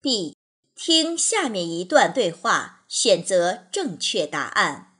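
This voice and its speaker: Woman, exam instructions announcer, measured, formal, lively pitch, slow. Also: slightly rough.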